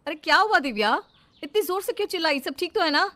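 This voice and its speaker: A woman's voice: very high voice, expressive, fast talker, bright, forceful tone, voice pushed up, heavily acted. A woman voicing an exasperated young daughter-in-law who complains in a cartoon story. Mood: worried.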